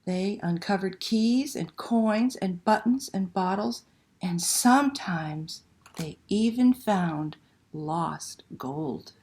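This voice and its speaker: Speaking slowly in a medium, slightly mellow voice, a woman leads a library story time, reading to small children and coaxing them with easy questions and prompts.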